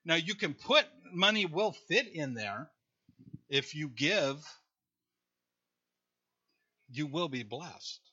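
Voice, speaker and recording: A man's voice: on the high side, expressive, takes it slowly, pauses often, bright, forceful tone, highs cut off. A man preaching a conversational sermon, reading scripture aloud and joking with his congregation. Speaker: pastor.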